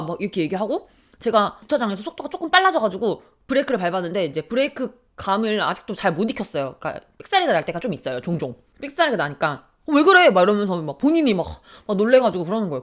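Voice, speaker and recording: Lively, fast-talking woman chatting. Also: medium pitch. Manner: lively storytelling, acts out quoted lines; sips a drink while chatting. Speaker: vlogger. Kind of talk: casual chat.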